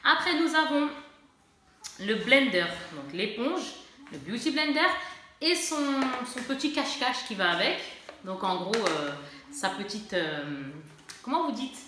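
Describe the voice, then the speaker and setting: A woman's voice: on the high side, very animated, measured pace, noisy background. A woman vlogging a casual shopping haul, chatty and self-mocking, often searching for her words. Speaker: beauty vlogger. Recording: very echoey room.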